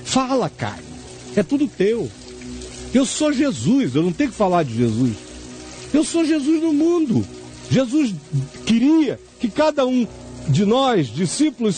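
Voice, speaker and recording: Emphatic high-voiced preacher. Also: male voice, mellow. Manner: emphatic, preaching cadence, acts out dialogues. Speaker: pastor answering viewer questions. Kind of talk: spoken sermon-like answer.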